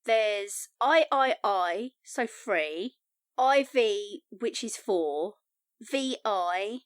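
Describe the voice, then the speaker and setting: An actress playing an eager, helpful team adviser who explains things in a fantasy game drama. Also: female voice, medium pitch, expressive, very slow, no room sound, clean studio sound. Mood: eager, thoughtful.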